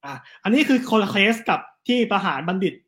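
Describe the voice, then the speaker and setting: A man, telling history stories in a casual, animated chat. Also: sits high. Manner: animated, fast storytelling with quick asides. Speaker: guest storyteller on history.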